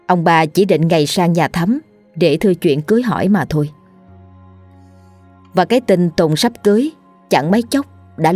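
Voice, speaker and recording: A woman narrating a ghost story in a steady, even storytelling manner. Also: deep voice, no echo. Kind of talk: scripted narration.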